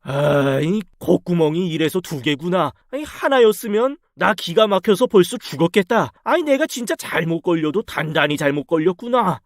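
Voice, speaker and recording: A man's voice: high-pitched, lively intonation, moderate pace, few pauses, no echo, studio quality. Man playing a weary grumbling husband. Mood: resigned. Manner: tired, sighing, grumbling. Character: weary, long-suffering middle-aged husband. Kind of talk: storybook dialogue.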